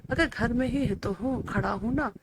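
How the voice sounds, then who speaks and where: A woman's voice: medium pitch, normal speed, noisy background, natural voice. A woman voicing a devoted young grandson who speaks earnestly and sometimes sharply, in a storybook narration. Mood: angry. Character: young man, devoted grandson, quick to anger.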